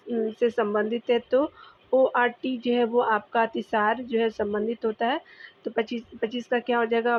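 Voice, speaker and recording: Woman teacher reading quiz answers. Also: a little high. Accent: Bihari Hindi. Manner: steady, repetitive, addresses viewers as dear. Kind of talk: exam quiz answer walkthrough. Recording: dull lo-fi recording.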